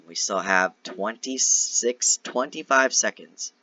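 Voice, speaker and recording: A man's voice: on the low side, slow, pushed and bright, rough recording. A man casting an esports match live, explaining the play in an analytical way. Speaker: esports caster.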